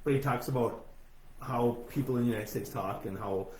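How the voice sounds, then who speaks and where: A man's voice: medium pitch, fairly quick, a little mellow. A man co-hosting a casual chat, telling teasing family anecdotes. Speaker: podcast co-host. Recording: echoey room with faint noise.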